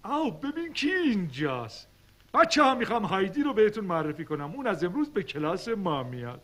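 Cartoon dub: a gentle, firm teacher, high and very lively, hissy tape. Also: male voice, full character voice. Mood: kindly. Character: kindly, firm village schoolteacher man.

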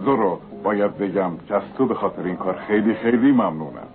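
An actor dubbing a formal, stiff middle-aged governor in a cartoon, indignant when crossed. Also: male voice, lowish voice, animated, music in the background. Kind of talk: dubbed cartoon voice acting. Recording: tinny lo-fi phone-like sound.

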